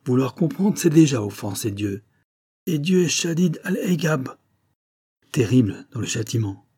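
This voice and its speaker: A man's voice: medium pitch, animated, measured pace, breathy edge, dry recording, clean studio sound, voice pushed up. A man doing a furious, scandalized imam. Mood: stern. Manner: shouting rebukes. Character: angry scandalized male imam, stern.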